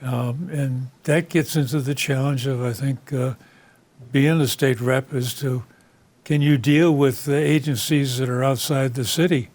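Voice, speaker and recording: A man hosting a local talk show, speaking in an unscripted, conversational and somewhat halting way. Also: medium pitch, fairly even intonation, a little mellow.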